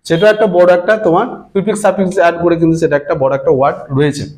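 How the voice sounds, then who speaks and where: A man with a Bengali accent, talking in a high voice, gives an English grammar lesson. He spells words letter by letter and repeats himself patiently. He stretches the long words out, sounding them syllable by syllable. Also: rapid-fire, a little mellow. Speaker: English teacher.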